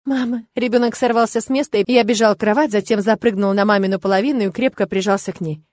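Lady reading a story aloud, even pace, dry close sound. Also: mid-range voice, fast, no room sound. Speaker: audiobook narrator. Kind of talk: scripted narration.

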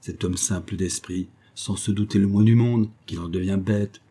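A man reading an audiobook, voicing a cheerful young soldier of twenty-one who teases his cousin in a breezy, lively way. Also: sits low, moderate pace, breathy edge.

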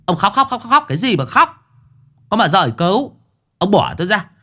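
A man's voice: medium pitch, sing-song, moderate pace, pushed and bright, voice pushed up. A man voicing an irritable young master who scolds and nags his underling. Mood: exasperated. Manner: scolding, nagging.

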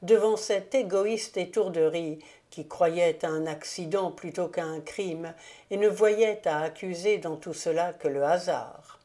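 A woman reading a classic novel aloud as an audiobook narrator, in a measured, unhurried way. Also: fairly low pitch, warm tone. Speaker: audiobook reader. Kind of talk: scripted narration.

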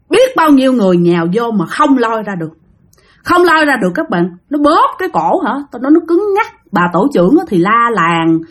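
With a husky voice on the high side, a woman narrates a ghost story aloud in a chatty way. Her accent is Southern Vietnamese, and she speaks straight to her listeners.

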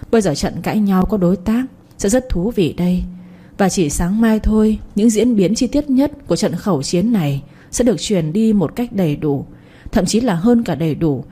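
A woman narrating an audiobook story in a steady, even, scripted reading. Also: mid-range voice, slightly rough.

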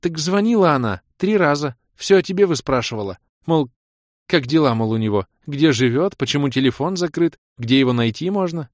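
A man puts on a fretful middle-aged mother, her voice lifted higher than a man's usual, pouring out anxious questions and nagging in a steady stream. Close and dry, as in an audiobook. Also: fairly quick, dry recording, lightly acted.

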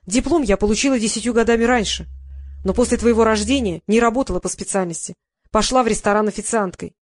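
A weary mother in her mid-forties speaks in tired, measured tones, voiced by a woman narrator. She is guarded and secretive, a storybook figure. The sound is close and dry. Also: on the high side, no echo, lightly acted. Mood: confessing.

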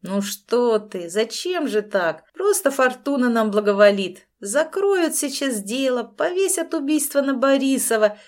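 A gloating male crook, voiced by a woman reading an audiobook sneers through his threats with easy, mocking confidence. His lines land louder and a touch higher than the plain narration around them. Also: big pitch swings, unhurried, few pauses. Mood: gloating menace. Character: smug, menacing middle-aged male crook.

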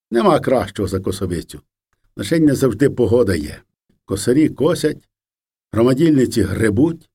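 A man reads a first-person folk memoir in a calm, unhurried storytelling manner. His voice is mellow and warm, and his pitch moves a lot from phrase to phrase. It sounds like an audiobook reading. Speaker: reader.

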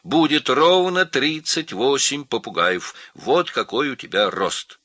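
A man voicing a bossy, know-it-all male parrot in a storybook reading, brisk and declaring. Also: medium pitch, very animated, sharp tone, no echo, pitched above the performer's own voice, exaggerated voice.

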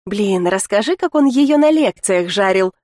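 A woman's voice: medium pitch, animated, normal speed, darkish tone, dry recording, clean studio sound, natural voice. A woman voicing a catty, scornful young female student in an audiobook, mocking and dismissive.

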